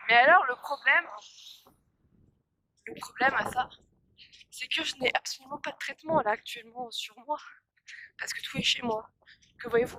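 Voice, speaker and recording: This young woman's high-pitched voice comes across bright and forceful as she vlogs to her phone, held at arm's length, on a windy outdoor stroll. Congested from pollen allergy, coughing and tired, she rambles with frequent fillers and restarts, on poor audio.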